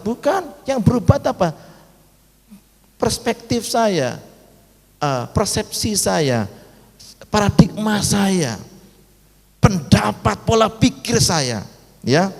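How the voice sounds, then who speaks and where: A male pastor delivering a lively, animated sermon with acted asides, in an old recording from a church. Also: on the high side. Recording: old 2003 recording with long reverb.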